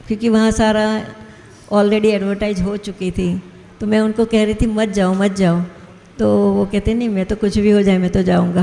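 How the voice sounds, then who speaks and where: A guest speaker at a devotional gathering, this woman tells anecdotes and chuckles often as she talks. Her voice is medium-pitched, gravelly, and dark, echoing through a hall with long reverb.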